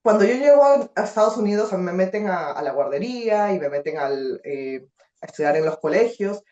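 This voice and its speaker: A young woman from Peru, speaking Spanish with a Peruvian accent, tells her story as a guest in a casual interview. She's expressive, with plenty of fillers and restarts, in a brisk, mid-range voice. The room sounds roomy and slightly dull.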